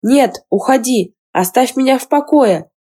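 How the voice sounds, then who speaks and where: A woman doing a shrill, tearful schoolgirl in panic. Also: normal speed, dark tone, slightly rough. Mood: panicked, tearful. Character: terrified sobbing teenage girl student.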